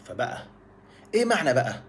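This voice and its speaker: A man with an Egyptian Arabic accent teaching a casual spoken lesson, lively and repetitive, stretching words for emphasis. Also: medium pitch, fast.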